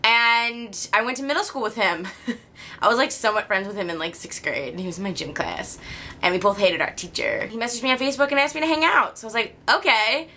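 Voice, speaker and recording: A woman's voice: on the high side, animated, quick pace, sharp tone, slight background noise. A young woman with a regional American accent talking candidly to her camera in a personal vlog, laughing often. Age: young adult. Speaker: YouTuber.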